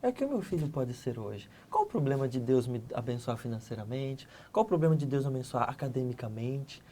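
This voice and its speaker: A middle-aged man from Santa Catarina, Brazil, giving an interview as a guest and telling a personal story in a lively way, acting out the dialogue and swinging between loud and hushed. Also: medium pitch, fairly quick, a little hiss or hum. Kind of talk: animated personal testimony.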